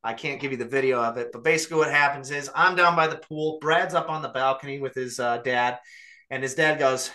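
A man's voice: mid-range voice, brisk, bright, forceful tone. A young adult man, co-host of a podcast, animatedly telling a funny story in casual chat and laughing along the way.

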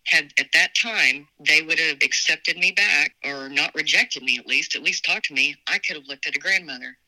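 Frank, bright-voiced woman from Tennessee. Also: low-pitched, moderate pace, low-quality recording. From Tennessee, USA. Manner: frank, wry, sarcastic humor. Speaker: podcast guest. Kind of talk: candid conversation.

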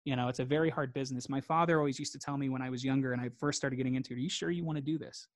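A man's voice: medium pitch, fairly even intonation, racing, no echo, clean studio sound. A man, a guest in a reflective interview, talking earnestly and repeating phrases for emphasis.

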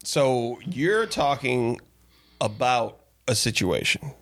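A man's voice: mid-range voice, expressive, slow, fairly bright tone. A man co-hosting a podcast, chatting casually and tossing in crude, profane wisecracks. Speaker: podcast co-host. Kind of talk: casual chat.

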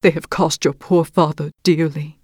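A woman's voice: low-pitched, fairly even intonation, moderate pace, darkish tone, breathy edge, no echo, studio quality. A woman voicing a kindly, frightened older merchant and father in a storybook reading. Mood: sorrowful. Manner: pleading, sorrowful.

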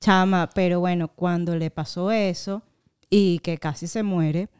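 Venezuelan girl telling stories on a podcast, smooth clear voice, mellow, does all the family voices. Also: lowish voice, a little slow. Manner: animated storytelling, acting out family quotes. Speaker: podcast co-host. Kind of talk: casual chat.

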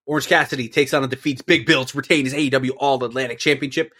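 A man's voice: mid-range voice, fairly even intonation, fast talker, a bit bright. A man co-hosting a podcast, casually recapping results and reacting with offhand swearing. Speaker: wrestling podcast co-host.

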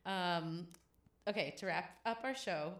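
A young woman hosting a podcast, chatting casually and gushing warmly over her guest. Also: on the low side, a little slow. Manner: effusive, giggly, gushing. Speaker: podcast host.

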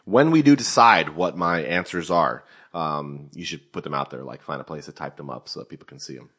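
Fast-talking co-host, casual man. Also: rumbling low, animated, a bit bright. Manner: agreeable, quick interjections. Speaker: podcast co-host. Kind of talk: casual chat.

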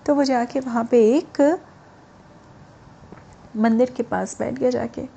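A woman's voice: a little high, slow pace, gravelly, a little hiss or hum. A woman telling a story to children, speaking to them directly and expressively. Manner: expressive, addresses listeners as children.

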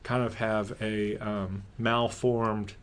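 A man's voice: on the low side, little pitch movement, slow pace, smooth. A man chatting casually as a pastor and co-host, given to joking, teasing asides. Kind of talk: casual conversation.

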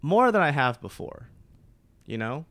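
A man's voice: a little high, very animated, measured pace, fairly bright tone, no echo. A man in his thirties from Oklahoma, talking as a podcast guest in a rambling way, with lots of fillers and restarts. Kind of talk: casual conversational interview.

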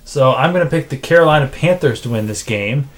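A man co-hosting a casual sports podcast, making game picks in a dry, self-described monotone with frequent filler words. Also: mid-range voice, brisk. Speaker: podcast co-host.

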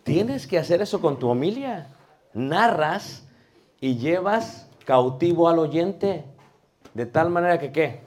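Slow, questioning preaching teacher. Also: male voice, a little high. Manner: animated, asks the class questions, drops to a soft voice for effect. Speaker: homiletics teacher. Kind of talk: classroom lecture on preaching.

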